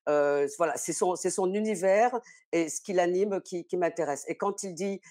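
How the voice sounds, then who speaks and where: A middle-aged woman, the general commissioner of an arts season, answering interview questions over a video call from a study, measured and full of hesitations. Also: on the low side, warm tone. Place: study with bookshelves.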